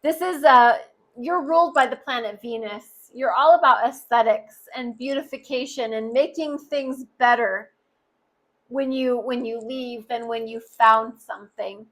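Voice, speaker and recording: A tarot reader gives a card reading, speaking earnestly and directly to the listener. Her voice is on the high side, fairly bright, and unhurried.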